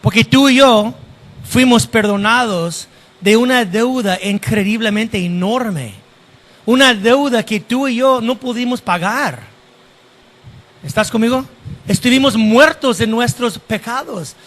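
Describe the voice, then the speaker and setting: A pastor preaching a sermon and often asking the congregation direct questions. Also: male voice, very high voice, slow, a bit bright.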